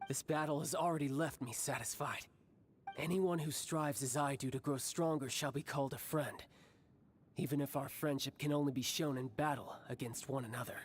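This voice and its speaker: A man's voice: medium pitch, steady tone, moderate pace, a little hiss or hum, natural voice. An actor voicing a cocky, battle-hungry young male villain in a video game, with a taunting, mock-polite, theatrical delivery. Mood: composed, amused. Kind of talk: scripted video game voice acting.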